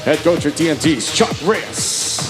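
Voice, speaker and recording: A man works as an echoing stadium announcer over an arena PA, with music behind him. His high voice swings widely in pitch as he booms out lineups and stretches names. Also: expressive. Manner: booming, drawn-out names.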